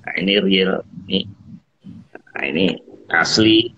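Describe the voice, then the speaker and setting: A man's voice: deep voice, slow pace, slightly rough. A man hosting a casual live-stream chat, his call audio breaking up as he rambles along. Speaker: host. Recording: dull lo-fi online call audio.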